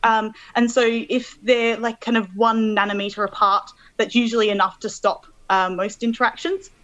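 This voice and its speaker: A woman's voice: a little high, flat delivery, normal speed, fairly bright tone, dull audio. Australian woman explaining with many ums. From Adelaide, Australia. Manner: explains step by step with frequent ums. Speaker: guest scientist. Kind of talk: radio interview, explaining.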